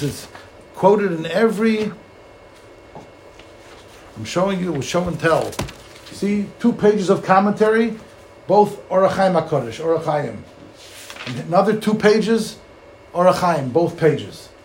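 The high-pitched, slightly mellow voice belongs to a rabbi delivering a Torah lecture full of stories. He is emphatic, repeats himself and asks rhetorical questions; the room echoes, and faint background noise is audible.

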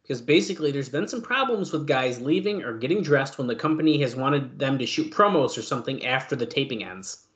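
A man's voice: mid-range voice, lively intonation, brisk, fairly bright tone. A man co-hosting a podcast, chatting and commenting on a wrestling match in a casual, conversational way. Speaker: podcast co-host watching wrestling. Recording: dull lo-fi sound.

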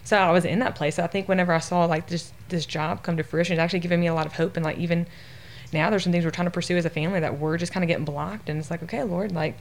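Fast-talking, chatty woman host. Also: lowish voice, fairly even intonation. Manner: quick, chatty, with frequent "like". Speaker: podcast host, play therapist. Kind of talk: casual podcast conversation.

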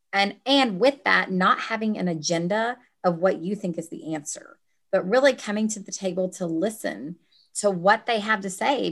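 A woman's voice: medium pitch, vocal fry, a bit bright. A woman co-hosting a podcast who affirms and builds on the guest's points with enthusiasm in a casual chat.

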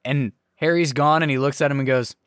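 A man guest on a podcast, telling a story in animated casual chat and swearing for emphasis. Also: medium pitch, a little fast, no room sound, studio quality.

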